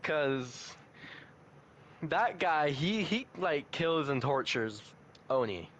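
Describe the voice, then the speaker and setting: A young man retells an anime episode for his podcast co-host, slipping into giggles as he goes. His voice sits slightly high, and a faint background hum sits under the recording. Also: lively intonation, very slow, a bit bright, lo-fi sound. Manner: giggly, laughs often while retelling scenes. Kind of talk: casual chat recapping an anime.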